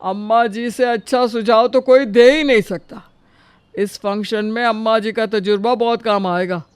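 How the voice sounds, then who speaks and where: A woman's voice: fairly high pitch, steady tone, moderate pace, smooth, no room sound, natural voice. A woman voicing an eager young man neighbor in a cartoon story.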